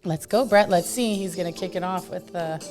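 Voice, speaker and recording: Woman podcast co-host, slightly low voice, giggly, chatty, music playing behind. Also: fairly quick. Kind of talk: casual chat.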